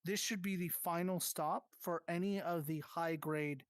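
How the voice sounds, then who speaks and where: Game master type, mid-pitched voice, close and dry sound, quick instructions with lots of restarts. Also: steady tone, no echo. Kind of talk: casual voice chat running an online roleplay.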